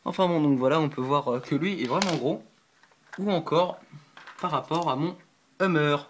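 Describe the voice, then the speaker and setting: A man's voice: a little high, moderate pace, slight background noise. A man giving a casual show-and-tell vlog of his builds, hesitant and chatty, with many fillers and little apologies, recorded on a nearby camera mic at home. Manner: hesitant and chatty, frequent 'euh', 'hop' and 'voilà' while handling pieces; self-deprecating asides and apologies. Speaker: LEGO builder showing his models.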